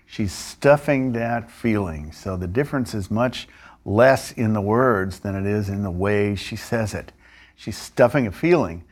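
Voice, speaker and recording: A male instructor narrating a training lesson in a measured, explanatory way. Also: medium pitch. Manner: measured, explanatory, with occasional restarts.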